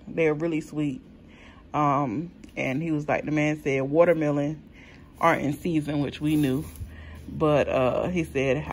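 A woman's voice: deep voice, slight background noise. A woman, chatting unhurriedly to viewers as she shows her grocery haul. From South Carolina. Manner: chatty, unhurried, many ums, addresses viewers as y'all. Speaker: vlogger showing a grocery haul. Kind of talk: casual chat to viewers.

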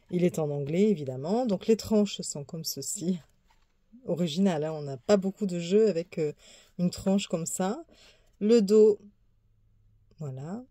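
Her voice is on the low side and dark in tone: a tarot YouTuber casually presenting and reviewing her card decks. The talk is easygoing and chatty, full of little asides, fillers and soft laughs.

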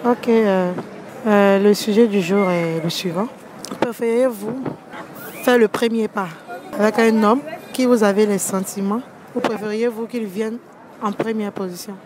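A woman's voice: mid-range voice, fairly even intonation, unhurried, a crowd in the background, rough recording. A young woman asking passers-by questions for a street interview into a handheld mic, often restarting her questions. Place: city street at night beside parked cars. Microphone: handheld microphone. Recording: outdoor street noise.

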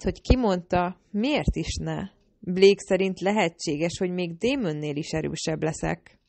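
Hangoskönyves női felolvasó, száraz, közeli hang, kifejező. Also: female voice, fairly low pitch, a little mellow, no room sound. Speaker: audiobook narrator. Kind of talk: first-person audiobook narration.

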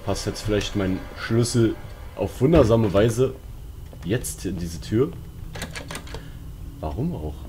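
Over noisy, eerie horror game music and sounds, a let's play streamer with a lowish voice mutters casual, slangy commentary to himself. He's animated but takes it slowly, pausing often.

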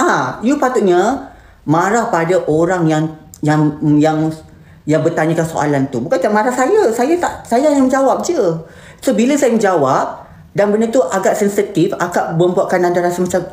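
A woman's voice: fairly low pitch, a little mellow. Blunt Malaysian woman on a live stream. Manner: blunt and heated, mixing in English words. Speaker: influencer hosting a live stream. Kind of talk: live stream chat reading viewer comments. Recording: roomy echoey room.

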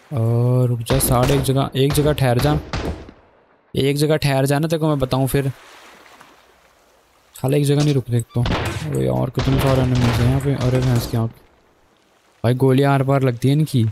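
A young man talks through his gameplay in an excitable rush, cursing at enemies and narrating every move. His voice sits at an ordinary middle pitch. Loud in-game gunfire and shots crackle behind him. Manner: excitable, swears at enemies, keeps up a running commentary. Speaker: gaming YouTuber. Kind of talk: live gameplay commentary.

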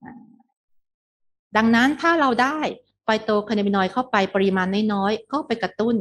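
A woman's voice: a little high, moderate pace. A middle-aged woman giving a medical lecture, explaining step by step with English terms and frequent polite particles.

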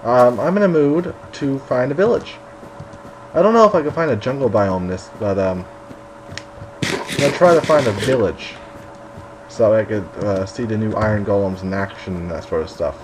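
A man's voice: on the low side, moderate pace, background noise. A man hosting a casual game commentary, chatty and rambling with a self-mocking streak, a little tired late at night. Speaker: gaming video host.

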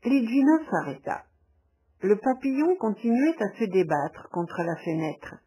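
Brief: woman audiobook narrator, slow and measured, warm, breathy. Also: a little high, sing-song, slight background noise, low-quality recording. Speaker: audiobook reader.

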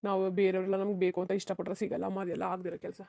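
A woman voicing a sad, self-sacrificing young married man in a cartoon, talking in a soft, resigned, pleading way. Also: medium pitch, little pitch movement, racing, gravelly, dry recording, lightly acted. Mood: sorrowful. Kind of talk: cartoon voice acting.

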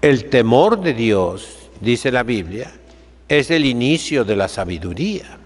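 Older priest preaching slowly in a reverberant chapel. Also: male voice, medium pitch, big pitch swings. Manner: slow, emphatic preaching with sweeping rises and drops. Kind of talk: sermon. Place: chapel sanctuary, seated by the altar.

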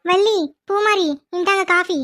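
A woman's voice: very high-pitched, level tone, a little slow, a bit bright, pitched above the performer's own voice. A woman voicing a put-upon young wife in a cartoon, whiny and grumbling about her mother-in-law. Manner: whiny, grumbling under breath. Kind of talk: cartoon voice acting.

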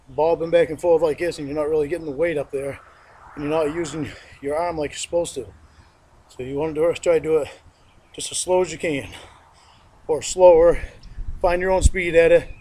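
His voice is slightly high and warm as the middle-aged man counts reps aloud during a backyard workout demo. Plain-spoken and prone to repeating himself, the home fitness instructor sniffles from allergies, and a distant camera mic records him on the lawn.

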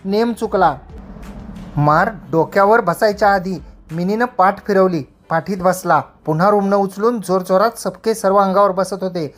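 A woman storyteller reading a rural love story in steady, dramatic narration. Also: mid-range voice, moderate pace. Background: faint music.

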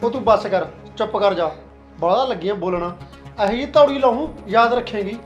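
A man's voice: sits high, brisk, muffled recording, soft background music, lightly acted. A man playing a young son who defends his widowed sister-in-law against his family in a short film. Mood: angry. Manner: protective, arguing.

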